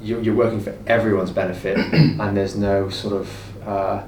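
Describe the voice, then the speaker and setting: Low-voiced man in an echoey room. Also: little pitch movement, moderate pace, darkish tone. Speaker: co-host, business owner. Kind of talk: casual conversational explanation. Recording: echoey room, distant mic, background noise.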